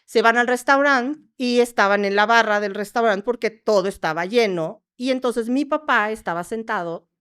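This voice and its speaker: A woman with a Mexican accent, a podcast guest telling a family story in a lively way and acting out the people she quotes. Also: on the high side, moderate pace, few pauses, smooth. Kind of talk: casual storytelling in a podcast interview.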